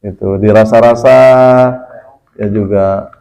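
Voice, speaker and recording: A man giving a casual religious study lecture as a teacher, talking conversationally and breaking into sudden high, emphatic bursts. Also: level tone, a little slow, mellow, faint music behind, poor audio.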